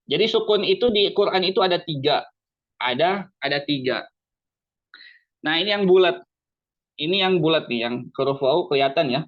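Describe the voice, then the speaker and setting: Guy teaching tajweed online, kinda high voice, repeats stuff a lot, sound a bit dull. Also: expressive. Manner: explains patiently, repeats phrases, chants Arabic examples slowly. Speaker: Quran recitation teacher.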